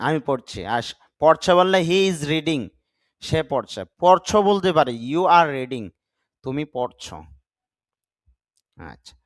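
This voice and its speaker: A man leads a vocabulary lesson at an unhurried, careful pace, repeating each word and spelling it out letter by letter. His voice sits at an ordinary middle pitch and sounds close and dry, with no room echo. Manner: slow, deliberate, repeats words and spells them out. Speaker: English teacher. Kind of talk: vocabulary lesson with pronunciation drills.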